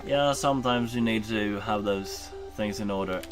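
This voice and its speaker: Casual chat during a game stream comes from a man from Norway who rambles, self-corrects, and says um and uh a lot. He speaks at a moderate pace in a lowish voice over music.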